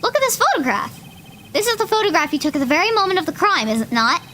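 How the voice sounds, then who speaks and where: A woman's voice: very high-pitched, big pitch swings, quick pace, bright, forceful tone, slight background noise, pitched above the performer's own voice, full character voice. A woman reading aloud as an earnest young male defense attorney, formal and pressing. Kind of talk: reading game dialogue aloud.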